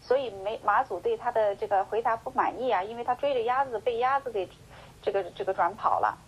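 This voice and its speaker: A woman's voice: fairly high pitch, breathy edge, muffled recording. Woman giving a storytelling Buddhist lecture. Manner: animated storytelling, acting out dialogue, many sentence-final particles; slow measured chanting when reading scripture. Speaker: Buddhist teacher.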